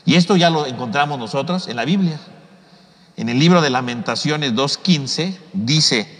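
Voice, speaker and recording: A man's voice: fairly high pitch, lively intonation, moderate pace, in a large hall. A man teaching scripture in a parish course, chatty, ending nearly every sentence with a tag question. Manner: ends almost every sentence with a tag question and acts out the mockers' words. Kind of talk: conversational Bible teaching. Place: church or parish hall.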